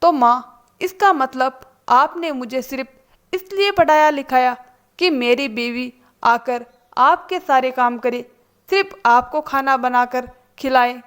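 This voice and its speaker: Woman doing a serious grown son reasoning with his mom, slow, fairly high voice. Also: fairly bright tone, smooth. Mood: earnest. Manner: serious, persuasive.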